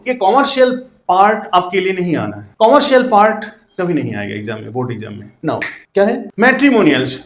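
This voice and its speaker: Male teacher with a high voice, explains step by step and slips English phrases into his lessons. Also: echoey room, a little hiss or hum. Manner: explanatory, repeats "that means, you know" often. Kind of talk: classroom lecture.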